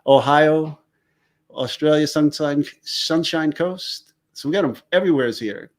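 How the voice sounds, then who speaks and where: A man's voice: on the high side, unhurried. A man, chatting casually as a forensics guest on a live stream and joking about place names. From New York. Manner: jokey, riffs on place names.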